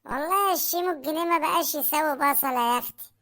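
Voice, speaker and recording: This is comedic cartoon voice work in Egyptian Arabic: a woman plays a husband who speaks quickly, moans about prices, and pleads to be fed a proper meal. Her fairly high, slightly bright voice carries a whiny, grumbling tone.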